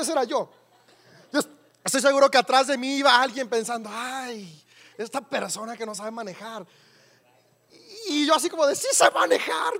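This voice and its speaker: A Mexican man preaching in a very high voice. He tells a personal story to the congregation in a casual, animated way and keeps asking the listeners rhetorical questions. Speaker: pastor.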